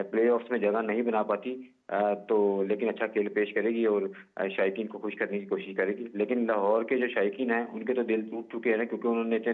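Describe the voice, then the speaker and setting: A male sports reporter phoning in a measured, formal live report over a phone line that breaks up and cuts out, pausing often with "uh". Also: lowish voice. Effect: phone line breaking up and cutting out.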